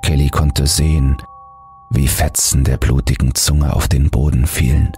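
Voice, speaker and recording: Man with a really deep voice reading a creepy story, calm and steady, faint music under it. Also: unhurried. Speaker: horror story narrator. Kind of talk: scripted horror audiobook narration.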